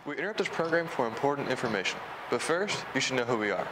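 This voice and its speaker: Teen guy mock-hijacking the broadcast, fast. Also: medium pitch, sing-song, background noise. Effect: mock interruption of the broadcast. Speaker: student reporter. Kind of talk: playful scripted announcement.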